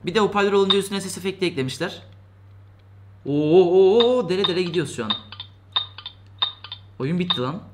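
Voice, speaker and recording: A fast-talking man with a high-set voice reviews a gadget from his desk indoors. He chats loosely, cracks jokes and laughs often, mock-complaining along the way. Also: animated, noisy background. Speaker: tech reviewer. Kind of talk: casual product review vlog.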